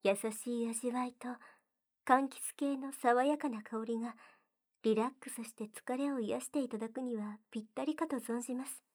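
A woman voicing a gentle, devoted young maid in an ASMR roleplay, speaking softly and very formally, often in a whisper. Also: on the high side, steady tone, normal speed, lightly acted. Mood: soothing. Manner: soft-spoken, very formal polite speech, often whispered.

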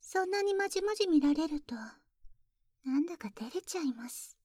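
High, dry-voiced young maid, formal then sly, whispering at the ear, played by a woman. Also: expressive, moderate pace, no echo. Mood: teasing, jealous. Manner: soft ear-close whispering; very formal, deferential speech with teasing jabs. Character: polite, jealous young maid who calls herself boku. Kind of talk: ASMR roleplay audio drama.

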